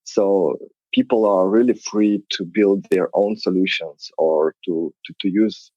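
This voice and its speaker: A man's voice: deep voice, unhurried, dark tone, no room sound, dull audio. A man with a Lithuanian accent and non-native English phrasing, explaining things conversationally as an interview guest. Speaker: podcast guest, tech project representative.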